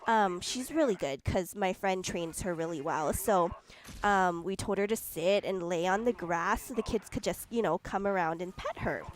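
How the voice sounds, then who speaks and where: A young woman who makes gaming videos speaks in a lowish voice at a moderate pace. She tells a casual, chatty story over gameplay, giggling and filling her talk with likes and ums.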